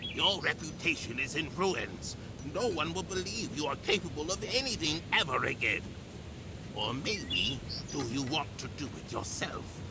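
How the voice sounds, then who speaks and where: A pompous, very animated official. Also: male voice, fairly high pitch, moderate pace, very noisy. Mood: scornful. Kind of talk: dramatic video game acting.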